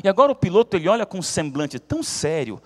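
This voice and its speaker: Animated, high-voiced Brazilian pastor preaching. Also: male voice, fast talker. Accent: Brazilian Portuguese. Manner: animated, theatrical storytelling, acting out characters. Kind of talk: storytelling sermon. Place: church sanctuary.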